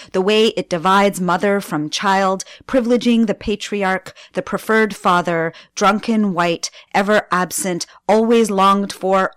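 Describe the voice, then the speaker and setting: A woman guest performing spoken-word poetry on radio, with slow, deliberate delivery and dramatic pauses. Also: medium pitch, dry recording, studio quality. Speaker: guest poet.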